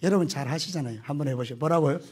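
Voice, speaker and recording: A man's voice: on the high side, very fast, a little mellow, slightly rough. A male pastor giving a Sunday morning sermon in church. He talks straight to the congregation and asks them questions. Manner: addresses the congregation directly with questions; acts out quoted voices. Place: church sanctuary.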